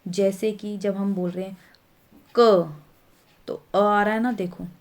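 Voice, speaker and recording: In a flat, medium-pitched voice at a moderate pace, a woman takes young pupils through a Hindi grammar lesson on letters. She's patient, repeating herself and catching small slips.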